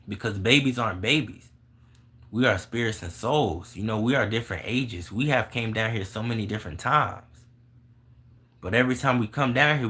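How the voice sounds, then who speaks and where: A man's voice: mid-range voice, bright, forceful tone. A young man talking casually and bluntly about spirituality to viewers, swearing freely and laughing often. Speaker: vlogger answering viewer questions.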